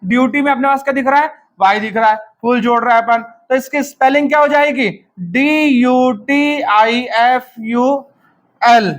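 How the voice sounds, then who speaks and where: Brief: man, has a cold, high voice, exam-prep teacher spelling words out and quizzing himself. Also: moderate pace, a bit bright. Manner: drilling by asking and answering his own questions, spelling letter by letter.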